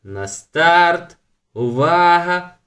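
A man voicing a grumpy, sharp-tongued ten-year-old boy in a storybook reading, raising his voice for the boy. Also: mid-range voice, animated, normal speed, natural voice. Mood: teasing.

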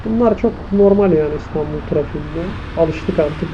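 A man's voice: fairly high pitch, normal speed. A man chatting casually and thinking aloud as he rides a motorcycle, his voice muffled inside a helmet. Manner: thinking aloud, commenting on the traffic. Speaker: motorcycle vlogger. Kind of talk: casual chat while riding. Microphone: microphone inside the helmet. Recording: muffled helmet mic, loud wind and engine noise. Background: wind, engine and traffic noise.

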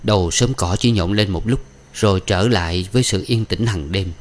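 A man reads a novel aloud as an audiobook narrator. His voice is low and his delivery steady and even. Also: normal speed. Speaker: audiobook reader.

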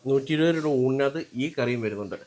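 A man, hosting a casual food vlog from a small roadside eatery, chatting lively to his viewers. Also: mid-range voice, quick pace. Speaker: food vlogger.

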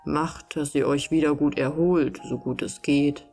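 A poor, eager farmer man, as a woman reading a storybook puts him on, polite and plain-spoken. He talks in a low, even voice with hardly any change from the narrator's own. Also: a little slow, vocal fry, soft background music. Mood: earnest.

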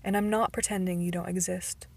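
A woman reading the lines of a calm, teasing teenage boy in a storybook, in a quiet and even voice close to her own. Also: lowish voice, a little fast, vocal fry.

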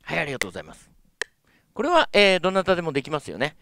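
Lively polite male vocal coach. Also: a little high, very fast, vocal fry, no room sound, studio quality. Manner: polite explaining with many fillers. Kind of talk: instructional lesson.

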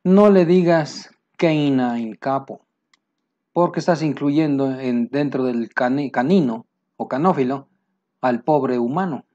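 A man with a Mexican Spanish accent teaching military vocabulary, pausing to say each English term slowly and plainly. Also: medium pitch, dark tone, lo-fi sound. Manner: explains terms, slows down for English words. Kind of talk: vocabulary lesson.

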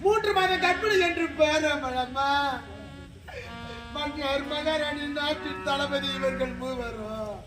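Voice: high voice, takes it slowly. Sobbing young mother Kannagi, played by a performer. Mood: lamenting. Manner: wailing, sobbing, declamatory lament. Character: young grieving orphan mother searching for her son. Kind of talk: Tamil stage drama acting. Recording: echoey stage recording with music.

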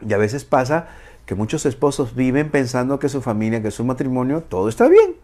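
A man's voice: mid-range voice, a little fast, darkish tone. Man, online host, playful, teasing, chuckling often. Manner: playful and teasing, laughs often, acts out phrases. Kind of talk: casual talk to a female audience.

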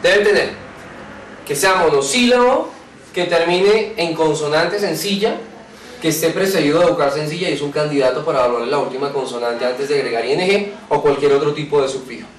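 A man teaches a grammar lesson at the board in a slightly raised voice. He quizzes the class and answers himself, and he slows right down for each example sentence. The room echoes around him, he stands some way from the microphone, and a faint hum of room noise sits underneath. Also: fairly high pitch, recorded from a distance. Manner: patient, asks and answers his own questions. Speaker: English teacher.

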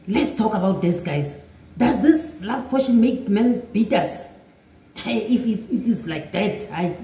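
A woman's voice: medium pitch, warm tone. A woman telling a personal story on her vlog, chatty and often calling out to her viewers. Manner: chatty, repeats "guys" often. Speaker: vlogger. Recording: echoey room, mic at a distance.

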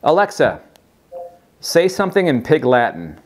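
A man's voice: on the high side, normal speed. A man hosting a casual tech demo, amused as he asks a voice assistant questions. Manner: lively, amused, asking the device questions. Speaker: host demonstrating a voice assistant.

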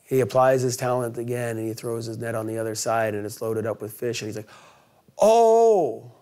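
A man preaching a sermon in church, telling a story in a lively way and acting out the characters. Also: medium pitch, fast talker. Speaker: pastor. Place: church sanctuary.

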